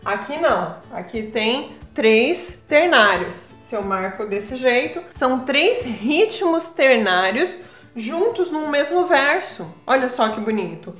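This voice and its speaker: Woman, poetry teacher, high unhurried voice, roomy echo with faint music behind. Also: big pitch swings, a bit bright. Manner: explains patiently, pointing at verses on screen; enthusiastic about the verses. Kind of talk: casual video lesson.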